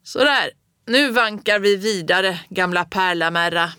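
A woman voicing a kindly old rural grandfather who talks slowly and plainly. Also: medium pitch, pushed and bright, clean tone, dry recording, studio quality, close to an everyday voice. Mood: gentle. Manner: slow, homely, plain-spoken.

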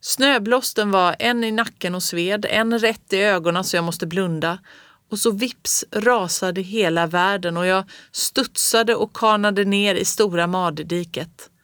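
A woman reading a children's story aloud in the first person with calm, measured storytelling. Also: medium pitch, smooth, no room sound. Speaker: audiobook reader.

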